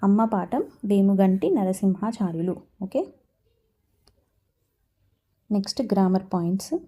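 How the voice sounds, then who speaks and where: A woman's voice: medium pitch, lively intonation, a little slow, mellow. A woman explaining a school textbook lesson, asking questions and answering them herself. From Telangana. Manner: asks and answers her own questions. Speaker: teacher.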